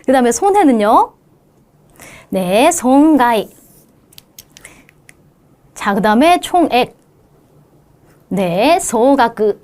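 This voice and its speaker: Lively woman teaching an exam-prep lecture. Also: fairly high pitch. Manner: lively, coaxing, checks in with "그쵸?". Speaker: Japanese language instructor.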